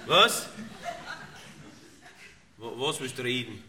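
A man with an Austrian accent delivering a comic rant, grumbling and swearing, dropping to mutters and bursting into shouts. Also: mid-range voice, lively intonation, slow pace. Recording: distant mic with loud background noise.

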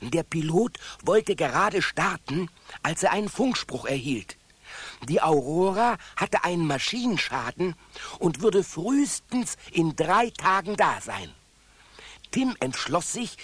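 A loyal little dog tells the story of a radio play. The voice is husky and pitched high with a lively lilt. It sounds dry and close. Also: male voice, unhurried, dry recording, exaggerated voice. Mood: calm.

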